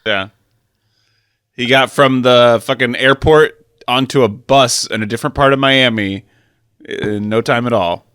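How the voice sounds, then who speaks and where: A man's voice: mid-range voice, a little slow, fairly bright tone, clear, resonant tone, no room sound, studio quality. A man co-hosting a podcast, bluntly mocking the plot and swearing casually. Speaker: podcast co-host. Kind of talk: casual chat.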